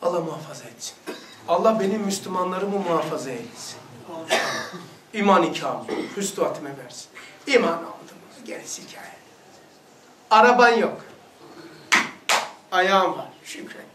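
High-voiced man giving an echoey religious lesson. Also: animated, moderate pace, long pauses, fairly bright tone, distant mic. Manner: exhorting, rhetorical questions to listeners. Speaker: religious teacher.

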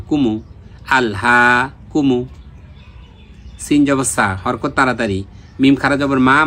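A man's voice: mid-range voice, sharp tone. A man teaching Quran recitation online, patiently repeating letter names and drilling pronunciation. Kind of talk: online Quran reading lesson.

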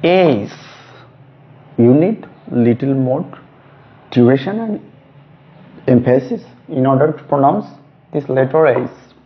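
A man teaching a lesson on letter names, speaking slowly and stressing each letter. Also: mid-range voice, animated. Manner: slow, deliberate, stresses each letter name. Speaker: English teacher. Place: room with a whiteboard. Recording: dull lo-fi recording.

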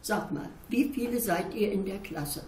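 A woman reading aloud and voicing a sly, kindly old woman who speaks slowly and thoughtfully. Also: mid-range voice, a little mellow, a little hiss or hum, close to an everyday voice. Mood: musing. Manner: slow, drawn-out, musing. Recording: roomy echo.

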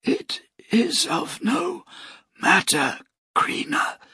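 A man voicing a frail old priest on his deathbed, speaking faintly and slowly in a thin, high voice. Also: animated, gravelly, husky, dry recording, full character voice. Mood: faint, serene. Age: older. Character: dying old bearded priest, frail and serene.

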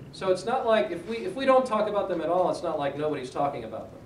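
A man's voice: high-pitched, animated, fast talker, slight background noise. Male church class leader, conversational and questioning, recorded in an echoey room from a distance. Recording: echoey room, mic far off.

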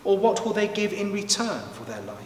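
A man, a priest, reading the gospel in a measured, solemn way, heard from a distance in a big church with a long cathedral echo. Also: high-pitched, sing-song, darkish tone. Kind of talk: liturgical scripture reading. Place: large church. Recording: long church reverb from far off, faint noise.

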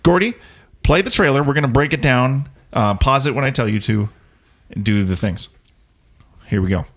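A man's voice: medium pitch, moderate pace, a bit bright. A young man hosting a casual geek talk show, joking, swearing and enthusiastic. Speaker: podcast host. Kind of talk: casual live-stream chat.

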